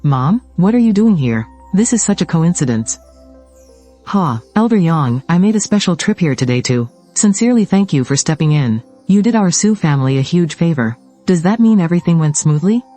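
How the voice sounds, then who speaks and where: A man reading out a story recap, voicing every part in a steady, even way. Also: fairly high pitch, normal speed, soft background music. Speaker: recap narrator. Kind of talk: scripted story narration.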